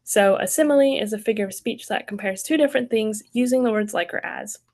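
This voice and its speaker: A young woman teaches writing in an online workshop, talking casually and with an upbeat tone, filling pauses with ums and likes. Her voice sits at an ordinary middle pitch for a woman. It comes through a video call. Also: a little mellow.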